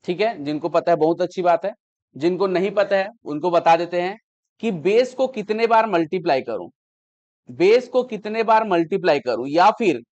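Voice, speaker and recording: A man's voice: high-pitched, darkish tone. A man teaching a math class, explaining patiently, repeating each step and checking that students understand.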